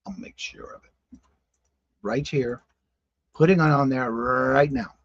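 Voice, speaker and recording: Taking it slowly in a mid-range voice, a fifties-aged man hosts a casual live-stream morning show, chatting with viewers by name over their comments and reacting with disbelief. There's no room sound, and the audio is dull.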